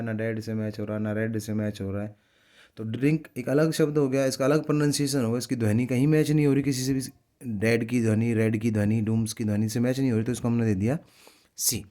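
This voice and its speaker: A man teaching a class, explaining patiently step by step and reading poem lines slowly. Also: medium pitch, warm tone. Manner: reads English poem lines slowly and drawn-out. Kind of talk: explaining a lesson in Hindi.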